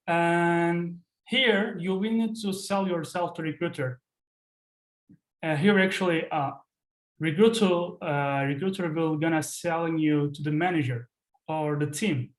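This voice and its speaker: A man who is a non-native English speaker, leading an informal session in a halting, repetitive teaching manner. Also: a little high, echoey room. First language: not English. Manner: halting, repeats phrases. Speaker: host leading a career session. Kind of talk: informal teaching, asking the group questions.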